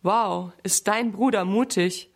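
A woman voicing a proud, hurried schoolgirl rider in a children's story. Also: medium pitch. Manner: proud, chatty.

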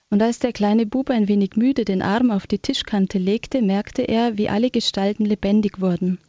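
A woman chatting and then reading a Christmas story aloud in a gentle, warm way. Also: medium pitch, no echo. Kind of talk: conversational chat, then read-aloud storytelling. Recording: dull lo-fi dry sound.

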